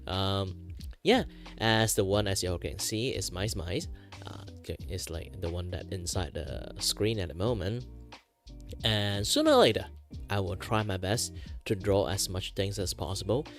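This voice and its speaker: A low-pitched male livestream host with very lively, swinging intonation. He chats casually in a rambling, hesitant, self-deprecating way while guitar music plays behind him. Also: moderate pace. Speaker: livestream host, virtual streamer. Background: background music with guitar.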